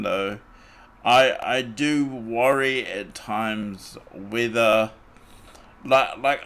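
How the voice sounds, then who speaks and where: A man's voice: lowish voice, gravelly, a bit bright. A man hosting a podcast in casual chat, rambling with lots of fillers and restarts. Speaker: podcast host. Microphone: desktop mic on a voice call.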